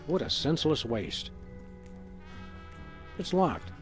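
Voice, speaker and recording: A deadpan cartoon dog detective delivers dry quips with a lively, varied intonation. His lines are game dialogue with faint music behind them. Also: fairly high pitch, slow pace.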